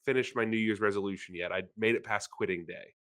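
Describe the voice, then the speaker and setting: A man's voice: fairly low pitch, fast, a bit bright, clean tone. A man hosting a financial planning podcast in casual chat, easygoing with self-deprecating humor.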